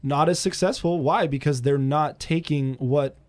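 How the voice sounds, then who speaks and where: A man's voice: a little high, moderate pace, no echo. A young man in his early twenties, a guest on a radio show, talking about his ambitions in an earnest, rambling way. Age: young adult. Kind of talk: casual radio interview. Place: radio studio.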